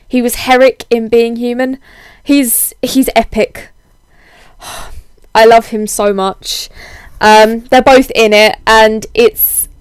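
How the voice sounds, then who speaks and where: A young woman with a cold-hoarsened voice, chatting casually in a rambling, self-deprecating way as a video blogger. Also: on the high side, dry recording, studio quality. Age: young adult. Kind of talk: casual chatty vlog, answering tag questions.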